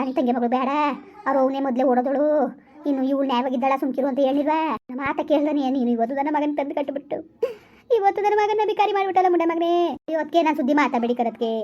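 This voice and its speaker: A woman playing a middle-aged village mother who laments and curses loudly, in a comedy skit. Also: high-pitched, steady tone, racing, lightly acted. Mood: scolding. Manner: loud lamenting and scolding. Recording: dull lo-fi recording.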